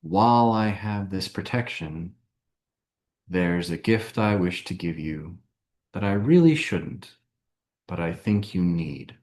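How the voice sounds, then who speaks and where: A man voicing a gentle, motherly goddess, speaking softly and tenderly. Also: low voice, animated, takes it slowly.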